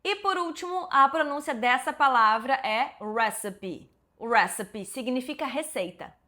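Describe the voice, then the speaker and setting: A woman in her forties from Brazil, teaching English to camera and slowing down to model words. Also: high-pitched, lively intonation, pushed and bright.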